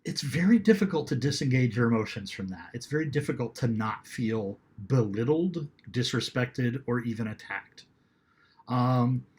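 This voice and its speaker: A man teaching a recorded class lecture in a conversational way, now and then reading quoted lines aloud with dramatic flair. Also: medium pitch.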